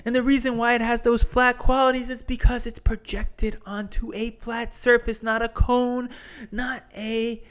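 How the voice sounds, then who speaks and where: A man's voice: very high voice, little pitch movement, unhurried, a bit bright, clear, resonant tone, pitched above the performer's own voice. A man putting on an indignant, taunting wrestler, delivering a science lecture as a theatrical, confrontational wrestling promo. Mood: outraged. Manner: theatrical, emphatic, confrontational, with slangy rhetorical questions. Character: indignant, taunting male wrestler cutting a promo against flat earthers. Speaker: geography teacher.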